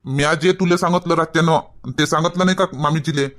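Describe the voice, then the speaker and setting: Varhadi guy in a village comedy skit, blunt and gruff, kinda high voice. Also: steady tone, fast talker, fairly bright tone. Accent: Varhadi Marathi. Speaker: husband and father in a comedy sketch. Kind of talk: scripted comedy skit dialogue.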